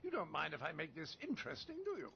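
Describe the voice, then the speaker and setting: A boastful foreign debater in a video game, all swagger and scorn. His high, gravelly voice swoops up and down as he taunts, heard through dull lo-fi game audio with a faint hiss. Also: wildly swooping pitch, fast talker, heavily acted. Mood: mocking. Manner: pompous, taunting, sing-song delivery. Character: boastful foreign male debater, mocking and theatrical.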